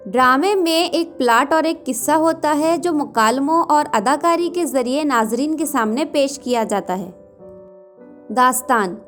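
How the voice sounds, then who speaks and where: A woman's voice: sits high, a bit bright. A woman teaching an exam revision lesson. She names each term, then reads out its definition and examples.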